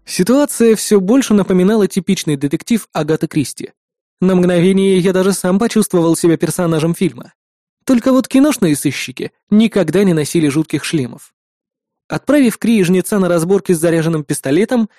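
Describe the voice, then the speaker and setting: A man reads a first-person novel aloud with a wry, sarcastic edge. His voice sits a little high yet sounds mellow and soft, recorded close with a dry, dead sound. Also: animated, fairly quick, no echo. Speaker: audiobook narrator.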